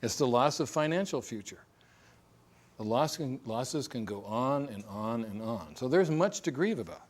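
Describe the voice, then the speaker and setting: A man's voice: mid-range voice, expressive, normal speed. A middle-aged man presenting a divorce recovery seminar in a conversational way, with joking asides and acted-out examples. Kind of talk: recorded seminar talk.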